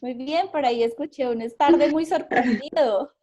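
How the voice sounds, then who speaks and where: Colombian woman teaching over a video call, kinda high voice, lots of eh and repeats. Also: moderate pace. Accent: Colombian Spanish. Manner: explanatory, many fillers and repeated words. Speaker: workshop facilitator. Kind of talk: live online workshop.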